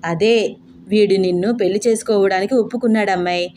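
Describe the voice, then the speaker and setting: A woman's voice: mid-range voice, fairly even intonation, a little fast, slight background noise, natural voice. A woman voicing a bossy old grandmother who scolds and orders her family around. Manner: sharp, commanding, scolding.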